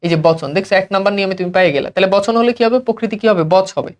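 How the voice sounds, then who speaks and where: A man's voice: high-pitched, fast. Man drilling students in a grammar lesson. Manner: drills students with repeated questions and answers. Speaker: teacher. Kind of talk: exam-prep grammar lesson.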